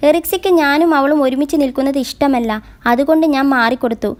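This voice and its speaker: Brief: bashful, eager young heroine of a romance retelling, read by a woman storyteller, high voice. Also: fast talker, lightly acted. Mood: shy. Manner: shy, eager, a little flustered. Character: shy, sweet young woman in love.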